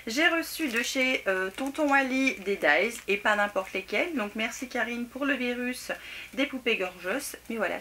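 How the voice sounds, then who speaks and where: A middle-aged woman rambles warmly through a craft haul at home, bright and forward in tone, full of hesitations and self-mocking laughs. A faint hiss sits under her voice from a home camera mic. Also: medium pitch. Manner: chatty, laughing, self-mocking, lots of fillers. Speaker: craft vlogger. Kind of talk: casual haul chat to camera. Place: home room near a table.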